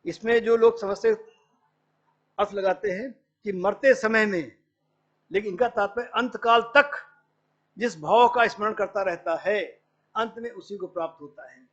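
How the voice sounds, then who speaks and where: A man's voice: high voice, a little slow, long pauses, muffled recording. A man giving a workshop lecture, explaining points step by step, quoting Sanskrit verses and asking an assistant for the next slides. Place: lecture hall.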